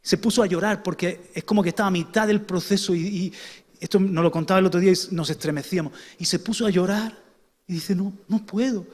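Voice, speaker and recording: Male pastor, preaching in a reverberant church hall, loud-to-soft delivery. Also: high-pitched, quick pace. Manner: preaching with lively shifts between loud and soft. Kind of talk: sermon.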